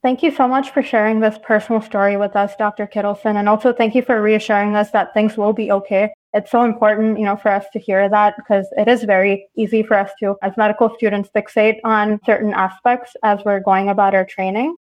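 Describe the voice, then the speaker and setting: A woman's voice: mid-range voice, level tone, fairly quick, few pauses, poor audio. A woman in her twenties, a medical student, asks prepared questions in an earnest and polite way on a podcast. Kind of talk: podcast interview.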